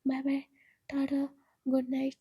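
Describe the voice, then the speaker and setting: A woman telling a serialized love story in a soft, often whispered delivery, ending with a playful sign-off. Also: high-pitched, completely flat delivery, a little slow.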